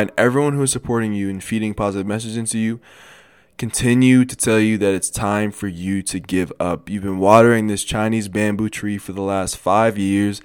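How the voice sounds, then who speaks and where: A man in his twenties telling a motivational story in a casual, animated way, with many restarts and repeated phrases. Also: fairly low pitch, clear, resonant tone, dry recording, clean studio sound. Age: 20s. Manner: animated, repetitive, lots of restarts. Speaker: motivational vlogger.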